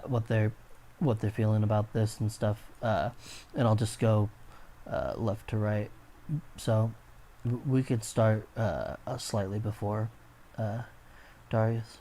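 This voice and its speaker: A man running a tabletop game as game master, talking in a halting way full of fillers. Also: lowish voice, little pitch movement, dark tone, a little hiss or hum.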